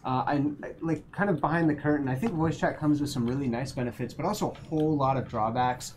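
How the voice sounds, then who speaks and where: A woman's voice: extremely low pitch, quick pace, darkish tone. A woman developer on a casual game livestream, answering community questions in a chatty way with frequent fillers and laughs. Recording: noisy stream audio.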